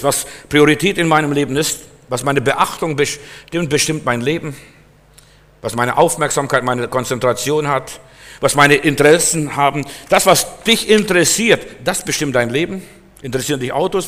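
A male preacher giving a sermon in an emphatic, repetitive way, swinging between loud and soft, recorded in a church hall. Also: a little high. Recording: long hall reverb.

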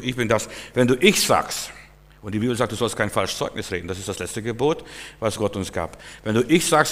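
A man preaching a sermon emphatically, swinging between loud declarations and quiet asides. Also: mid-range voice. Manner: emphatic, rising and falling dynamics. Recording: echoey hall reverb.

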